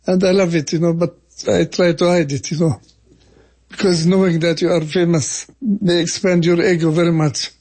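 Older husky man, halting speech. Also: high voice, steady tone, a little mellow. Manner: halting, repeats words, slow reflective phrasing. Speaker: interviewee, painter. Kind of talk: interview answers.

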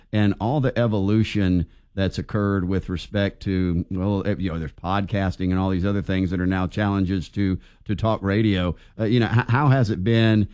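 A man talking as a radio host in a smooth broadcast manner, giving the station ID and then asking a guest a long question. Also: fairly low pitch, darkish tone, no echo, studio quality. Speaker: radio talk show host.

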